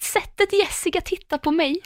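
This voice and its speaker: A young woman with a notably high voice tells a story in loose, casual chat, stumbling and restarting as she goes. Her voice is recorded close and dry, with no room sound. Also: dry recording. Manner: animated storyteller, many fillers and restarts. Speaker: podcast host.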